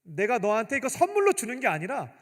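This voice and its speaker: A male preacher voicing a loving, gentle father who soothes his grown son. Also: extremely high pitch, wildly swooping pitch, quick pace, voice pushed up, heavily acted. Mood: gentle coaxing. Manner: soft, soothing. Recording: long church-hall reverb.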